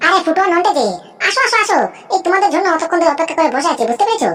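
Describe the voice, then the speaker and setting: A woman's voice: very high voice, lively intonation, racing, faint music behind. A woman voicing a greedy, snobbish, scheming sister-in-law in a cartoon, chattering nonstop and constantly asking whether the listener understood. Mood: falsely sweet. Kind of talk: cartoon voice acting.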